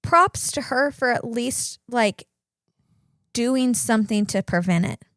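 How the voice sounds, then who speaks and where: A woman's voice: fairly high pitch, lively intonation, takes it slowly, a bit bright, no room sound, studio quality. A young woman co-hosting a parenting podcast, chatting casually in an easygoing, reasonable way. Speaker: podcast co-host, mother. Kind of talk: casual chat.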